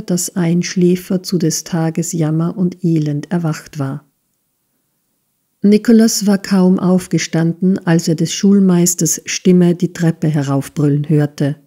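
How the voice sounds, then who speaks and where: A woman reads a classic novel aloud in a measured storytelling manner. Her voice sits low and she takes her time, very unhurried. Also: mellow, breathy edge. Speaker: audiobook narrator. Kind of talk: scripted narration of a classic novel.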